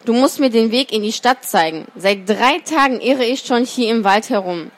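A woman's voice: on the high side, lively intonation, normal speed, lightly acted. A woman doing a grumbling big bear.

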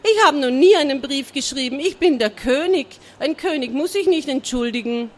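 A woman voicing a childish, pleading male king in a children's story, speaking high and whiny. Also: monotone, normal speed, a bit bright. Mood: huffy.

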